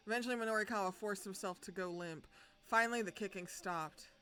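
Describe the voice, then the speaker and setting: A woman's voice: medium pitch, a little fast, fairly bright tone, clean tone. A young woman streamer reading a game aloud, breaking off with laughter, swearing and joking asides.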